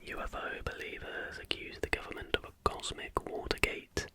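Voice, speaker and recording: The host whispers throughout this ASMR piece, using breath rather than voiced tone. The reading is soft, unhurried, and scripted, much like a documentary narration.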